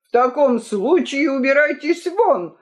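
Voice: medium pitch, big pitch swings, slow pace, slightly rough, full character voice. Tolstopuz, a blustering fat king, voiced by the reader. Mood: indignant. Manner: indignant shouting. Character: pompous fat king, quick-tempered. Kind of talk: storybook reading. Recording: dull lo-fi recording.

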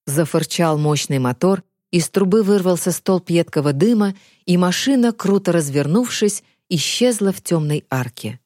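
Woman, audiobook narration, dark mellow tone, calm even delivery, dry close sound. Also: fairly low pitch, normal speed, hardly any pauses, dry recording. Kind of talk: scripted narration.

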